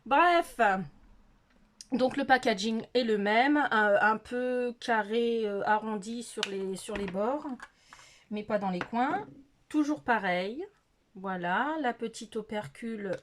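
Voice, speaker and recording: With slight background noise on the phone recording, a middle-aged beauty vlogger speaks slowly in a highish voice during a bedroom makeup tutorial. She chats casually, hesitating and using plenty of fillers while laughing at herself.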